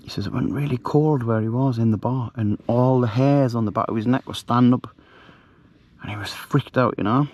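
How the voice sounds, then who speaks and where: A middle-aged man, keeping his voice hushed as he tells a ghost story. He rambles and fills his pauses with ums and likes. His pitch sits in an ordinary middle range. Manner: hushed, rambling, with many fillers. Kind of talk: casual storytelling to camera. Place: outdoors at night, camping.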